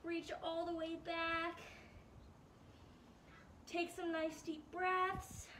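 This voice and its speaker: A young woman teacher leading warm-ups and stretches for kids, upbeat and a bit out of breath, checking in often. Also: very high voice, level tone, drawn-out words, recorded from a distance, a little hiss or hum. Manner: upbeat coaching, checks in with "all right?". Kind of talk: guided exercise instruction.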